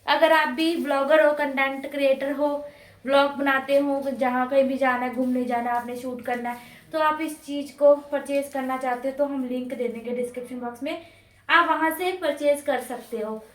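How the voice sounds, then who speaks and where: Woman vlogger, high voice, chatty and rambling, at home, clip-on mic close up. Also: fairly even intonation, normal speed. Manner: chatty, rambling, talks with her face. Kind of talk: casual vlog chat. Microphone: clip-on mic close to mouth.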